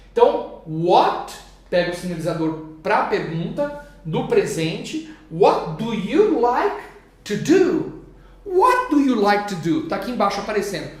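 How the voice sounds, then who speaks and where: A Brazilian teacher explaining grammar to viewers, drawing out the English examples slowly and with emphasis. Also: mid-range voice, very echoey. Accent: Brazilian Portuguese. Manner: lively, stretches English examples slowly and loudly.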